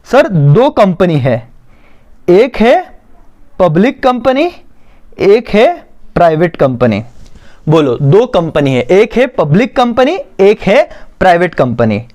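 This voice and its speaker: A man teaching a commerce exam-prep lesson, who dictates slowly and then explains quickly. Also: high-pitched, very animated, darkish tone.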